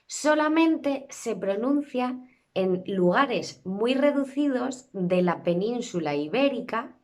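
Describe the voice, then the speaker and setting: Slow, lively Spanish teacher, woman. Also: fairly high pitch. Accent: Spain Spanish. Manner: slow, careful modeling of sounds. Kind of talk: pronunciation lesson.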